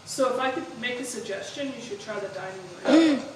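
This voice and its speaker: A woman's voice: fairly high pitch, lively intonation, fairly quick, a loud crowd. A woman guiding visitors inside an old house, explaining things casually. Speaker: house guide. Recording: very echoey, distant, noisy room.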